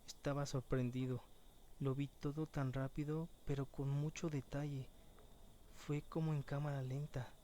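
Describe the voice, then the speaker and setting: A man narrating a first-person horror story in a measured, suspenseful way. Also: medium pitch, flat delivery, mellow, a little hiss or hum. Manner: measured and suspenseful, slowing on tense moments.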